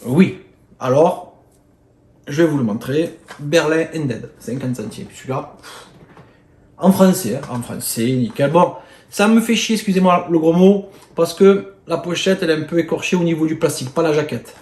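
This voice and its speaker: An excitable man with a Marseille accent rambles through his flea-market finds, full of fillers and the odd swear word. His voice sits a little high and bounces around an echoey room, with faint noise underneath. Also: normal speed. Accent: Marseille French. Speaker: video host showing flea-market finds. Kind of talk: casual chat to camera.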